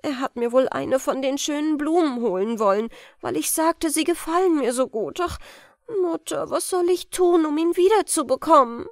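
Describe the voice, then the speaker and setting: Brief: frightened little girl, read by a woman, high, pleading, rushed, storybook. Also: expressive, no room sound, clean studio sound. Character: young girl, anxious and tearful.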